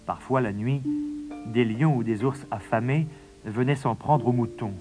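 A man reading a children's storybook aloud in a measured, dramatic narration. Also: medium pitch, over music.

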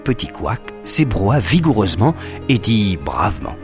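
A man narrating a children's story expressively, dropping to a hush at suspenseful moments. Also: on the low side, big pitch swings, unhurried, music in the background.

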